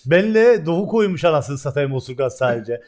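A young man streaming, telling a story in casual chat, animated and full of swearing, jumping between loud outbursts and quiet asides. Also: a little high, fairly quick, a loud crowd.

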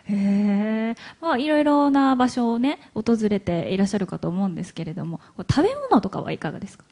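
Chatty, husky woman MC. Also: mid-range voice, lively intonation, brisk, dark tone. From Hiroshima, Japan. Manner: chatty, laughs often, many fillers. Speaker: event MC and interviewer. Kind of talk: live stage interview. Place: event hall stage.

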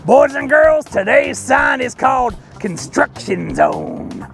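A man playing a boisterous, boastful, folksy Southern trucker who hosts a children's Bible show with loud, exaggerated delivery. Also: very high voice, lively intonation, takes it slowly, creaky, over music, full character voice. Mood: jovial, boastful. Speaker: kids show host.

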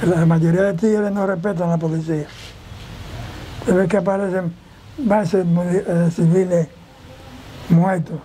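A man in his nineties with a Dominican Spanish accent, recalling the past in a casual interview, halting and repeating his phrases. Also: high voice, steady tone, mellow, rough recording. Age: 90s. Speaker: interview guest, elderly witness recalling the past. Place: outdoors against a house wall. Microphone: lapel mic. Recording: clear outdoor ambient and traffic noise.

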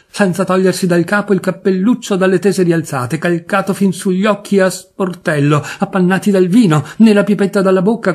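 A man narrating a classic novel in the first person, with a measured, expressive reading. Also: high voice. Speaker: audiobook reader. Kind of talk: literary audiobook narration.

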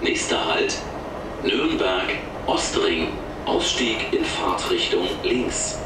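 A low-pitched man delivers set station announcements over a commuter train's intercom, formal and measured in short phrases. Captured from a distance inside the carriage, his voice comes through a far-off loudspeaker amid loud, echoing train noise.

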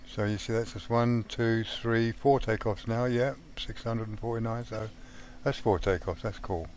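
A man talking through a survival game in a casual let's play, rambling and thinking out loud with plenty of ums. His voice sits on the low side. A faint hum runs underneath. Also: steady tone, normal speed. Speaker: gaming channel host.

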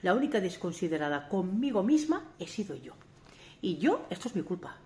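Very animated and brisk, this woman in her forties records a family vlog straight to camera, her voice a little low and darkish. Candid and emphatic, she interrupts herself to restart and peppers viewers with rhetorical questions.

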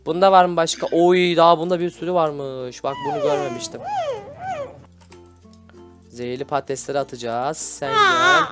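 A man hosting a Minecraft role-play video, excitable and scolding with loud exclamations. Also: a little high, normal speed, long pauses, music in the background. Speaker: gaming video host.

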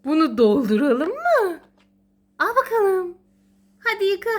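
Here a mother's very high, sing-song voice moves at a measured pace as she narrates educational play for her little one. She keeps encouraging the child with praise again and again. It's a clearly noisy home recording with clicks.

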